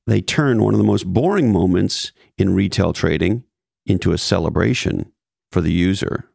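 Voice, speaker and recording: Gravelly low-voiced man with wry asides. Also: moderate pace, darkish tone, no room sound, clean studio sound. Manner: wry asides, emphatic repetition. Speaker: business podcast host. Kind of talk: scripted business commentary.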